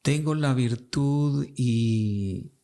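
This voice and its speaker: A Salvadoran pastor with a Salvadoran Spanish accent talks slowly and with care on a radio interview. His voice has a gravelly rasp and a dark, mellow tone. He hesitates often and agrees with short murmurs. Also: mid-range voice.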